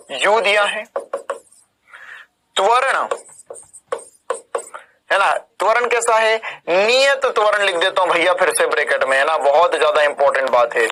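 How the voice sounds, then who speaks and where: A man's voice: high-pitched, pushed and bright, poor audio. A man teaching physics in an online exam-prep lecture, emphatic and informal, checking in with his students by tag question and calling them kids and brother. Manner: emphatic, repeats tag questions, calls students 'beta' and 'bhaiya'; informal joking asides while explaining.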